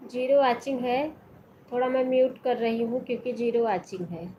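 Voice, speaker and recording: A woman's voice: fairly high pitch, brisk, dark tone, highs cut off. A woman hosting a live stream in casual chat, greeting her viewers by name and reading their comments aloud. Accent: Hindi with Awadhi region background.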